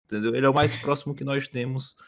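A man's voice: mid-range voice, fairly even intonation, fast, vocal fry. A man with a Brazilian accent, a regular chatting casually on a sports podcast.

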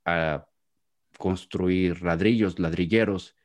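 A slow, deep-voiced man from Guadalajara, Mexico, speaking with a Jalisco accent and a fairly even intonation. He's a podcast guest in a casual interview over a video call, talking at length and often restarting his words.

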